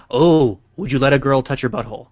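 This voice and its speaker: A man's voice: mid-range voice, lively intonation, moderate pace, a little mellow, slightly rough, no echo, muffled recording. A man co-hosting a casual livestream, reading out questions and teasing his partner with dry remarks. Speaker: co-host asking questions.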